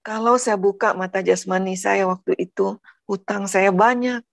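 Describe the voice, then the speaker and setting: With a creaky, mid-range and somewhat bright voice on a dry recording, a middle-aged testimony speaker from Padang, West Sumatra, tells of her personal faith with deep emotion. Her speech is halting and earnest, full of repeated words and frequent appeals to her "brothers and sisters."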